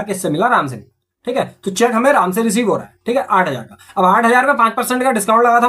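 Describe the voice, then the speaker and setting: A man's voice: high voice, fairly bright tone. A man teaching accountancy, walking through journal entries step by step and asking and answering his own questions as he goes. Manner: repetitive, asks and answers own questions, frequent "theek hai".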